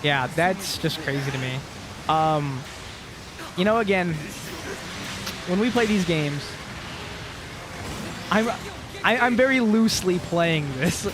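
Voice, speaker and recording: This twenties-aged co-host has a voice that sits high, and he speaks slowly and expressively with long pauses. He rambles casually over game music and sound effects while playing a video game, often swearing, laughing and restarting his sentences.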